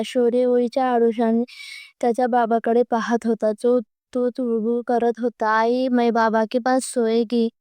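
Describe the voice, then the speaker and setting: Clear-voiced woman reading a story. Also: on the high side, mellow, no room sound. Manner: plain reading with restarts. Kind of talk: storybook narration.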